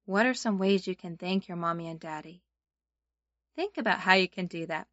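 A woman's voice: lowish voice, normal speed, no echo, highs cut off. A woman speaking as a Sunday school teacher, telling stories to small children and guiding them in simple phrases. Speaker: children's Bible lesson host.

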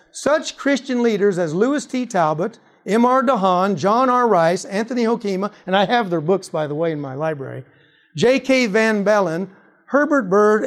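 High-voiced animated male preacher. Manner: animated, asks rhetorical questions. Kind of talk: teaching on apologetics.

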